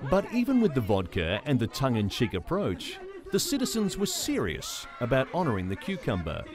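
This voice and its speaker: A man reads a news feature voice-over with a lively, wide-ranging pitch and a wry touch. Background music plays clearly under his voice, and crowd noise is also clearly audible. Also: normal speed. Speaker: news narrator.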